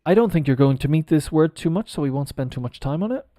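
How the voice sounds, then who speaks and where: A man's voice: a little high, lively intonation, fast talker, dark tone, dry recording, clean studio sound. A man teaching English pronunciation on a live stream, spelling words out letter by letter and chatting casually as he goes.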